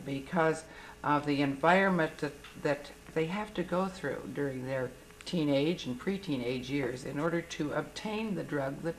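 Woman w/ a really deep voice asking long halting questions on a tv interview, faint hiss. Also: poor audio. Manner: hesitant, many fillers and restarts.

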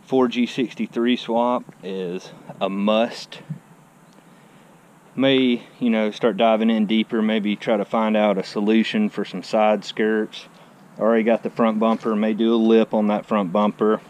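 His fairly low, darkish voice sounds flat and measured, and the recording is muffled. Even so, the car vlogger chats with enthusiasm while walking a driveway beside a garage, repeatedly saying "I mean," shot on a handheld action camera amid faint outdoor ambience.

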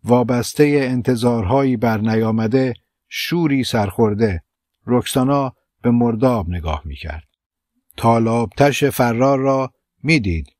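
A man narrating an audiobook of a literary novel in a measured, steady reading. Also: mid-range voice, no echo, studio quality.

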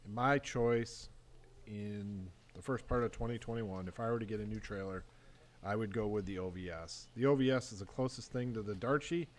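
A trailer review vlogger with a fairly low voice gives a casual outdoor walkaround at a wooded campground. Speaking at a moderate pace, he explains the trailer's gear step by step.

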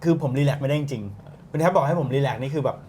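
A man's voice: mid-range voice, fast, background noise. A man chatting casually as a host, exclaiming as he reacts to being in ice-cold water. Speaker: host trying an ice bath. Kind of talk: casual unscripted chat. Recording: background music under the voice. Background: music.

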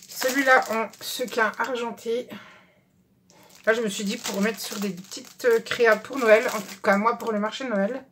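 Woman, casual craft haul, slightly high pitch, filler-heavy, faint noise. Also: fairly bright tone. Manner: chatty, many fillers, shows items one by one. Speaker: craft vlogger. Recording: faint background noise with clicks.

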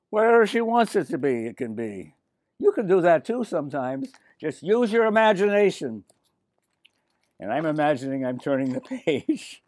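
An older man with a slightly high, animated voice reads a storybook to children. He breaks off now and then to chat and point things out to his listeners. The sound is close and dry, with no room around it. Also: no echo. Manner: chatty, with asides to the children. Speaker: resident reader.

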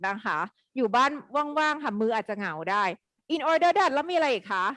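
A woman teaching an English grammar lesson live online, quizzing her students in a lively way. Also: on the high side, fast, dry recording.

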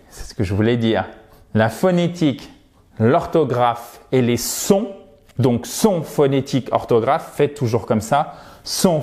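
A French-speaking man leads an online English pronunciation lesson. He talks in a lively, coaching way and models each word by saying it several times over. His voice sits at an ordinary middle pitch for a man. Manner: lively, coaching, models words by repeating them. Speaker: English teacher.

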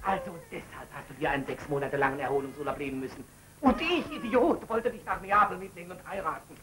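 An actor playing a jealous, accusing suitor. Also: male voice, a little high, lively intonation, fast talker, background noise, close to an everyday voice. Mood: bitter. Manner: sarcastic, accusing. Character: jealous young male suitor, bitter and accusing. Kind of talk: 1939 film drama acting.

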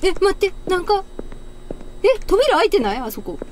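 A woman's voice: very high voice, big pitch swings, normal speed, darkish tone. A woman with a Kagoshima accent giving chatty live-stream commentary on a horror game, nervously repeating her words. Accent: Kagoshima, Japan. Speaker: streamer, video game player. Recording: clearly noisy stream audio.

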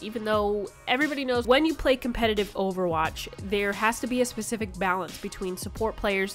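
A woman's voice: medium pitch, fairly bright tone. A young woman with a sick voice, casually chatting as host of a gaming video, rambling and restarting her sentences.

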